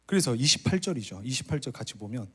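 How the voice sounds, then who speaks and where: A man's voice: mid-range voice, quick pace. A man preaching a sermon as a pastor, telling a story and acting out the characters' complaints. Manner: animated storytelling, acts out the older son's complaints. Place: church retreat hall.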